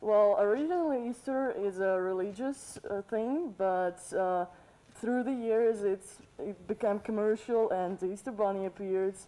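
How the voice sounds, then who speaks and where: A woman playing a cheerful, cheeky Easter Bunny in a student TV sketch interview, relaxed and plain-spoken with hesitant fillers. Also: medium pitch, measured pace, close to an everyday voice, poor audio. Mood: casual. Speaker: interview guest.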